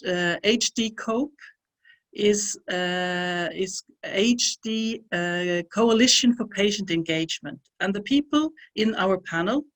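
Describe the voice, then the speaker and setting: A woman who presides over an association, opening and hosting a webinar on a video call in a relaxed, friendly way with frequent fillers. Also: mid-range voice.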